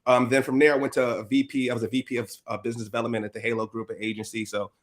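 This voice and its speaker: Male guest, rapid casual storyteller who voices the people in his stories. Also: mid-range voice. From USA. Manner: lively, slangy, acts out quotes, laughs often.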